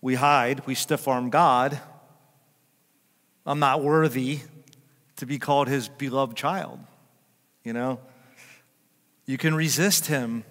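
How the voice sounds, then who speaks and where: An older man preaching a sermon as pastor, chatting and joking with his congregation, then rising to loud emphatic peaks. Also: medium pitch, steady tone, takes it slowly, pauses often, big-room sound. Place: church sanctuary.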